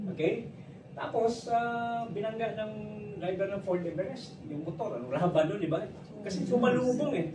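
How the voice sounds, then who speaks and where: A Filipino-accented man pitches a business opportunity in a loose, chatty storytelling way, joking as he goes. His voice sits high, and he sounds some way off from the mic. The room is echoey, with steady noise behind him. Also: recorded from a distance. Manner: chatty storytelling, jokes and laughs often. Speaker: network marketing presenter. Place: presentation room.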